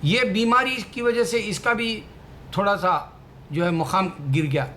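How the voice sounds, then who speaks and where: Man, fairly high voice, preachy rambling talk, faint rumble behind. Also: measured pace, pushed and bright. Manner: rambling, preachy, many fillers. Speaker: commentator. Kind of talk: religious political commentary.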